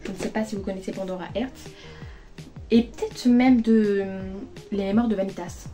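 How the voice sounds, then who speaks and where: A woman vlogger rambles casually about her new books, filling gaps with hesitations. Her voice is mellow and warm, with faint music under the phone recording. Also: mid-range voice, fairly even intonation, moderate pace. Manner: chatty, rambling, many fillers. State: overheated. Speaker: book vlogger. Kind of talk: casual book haul chat.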